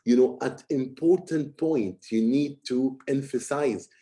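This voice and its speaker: A young man teaching presentation skills in an animated, emphatic way, often repeating words as he explains. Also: medium pitch, measured pace.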